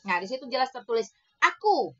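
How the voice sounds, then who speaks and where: Bright-voiced woman apologist, lo-fi. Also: medium pitch, expressive, normal speed. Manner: emphatic, rhetorical questions to the audience; mixes in English words. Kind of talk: apologetics monologue to viewers. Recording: dull lo-fi recording.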